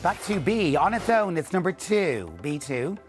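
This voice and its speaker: A middle-aged man presenting a TV bingo draw in a clear, measured, scripted style. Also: high-pitched, animated. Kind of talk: scripted game-show presenting, calling out numbers. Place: TV studio. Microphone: lapel mic. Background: music.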